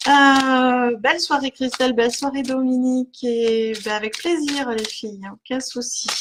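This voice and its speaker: A woman's voice: sits high, background noise. A woman giving an oracle card reading on a live stream, chatting with viewers by name, with lots of fillers and little laughs.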